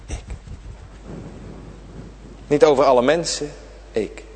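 A man's voice: on the high side, slow pace, breathy edge. A man preaching a children's sermon on prayer day in a church, emphatic and full of short, repeated phrases spoken straight to the children. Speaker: pastor. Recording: long church reverb.

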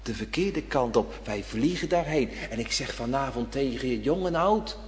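A man preaching a sermon with great passion, dropping to a hush and then rising to a shout. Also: mid-range voice, animated, normal speed, slight background noise. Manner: impassioned preaching, swinging between hushed and shouted. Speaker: pastor. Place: church. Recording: church hall reverb.

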